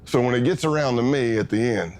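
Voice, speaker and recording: A man's voice: medium pitch, a little fast, darkish tone. A middle-aged man, a former undercover agent telling his story in a documentary interview, acting out what others said.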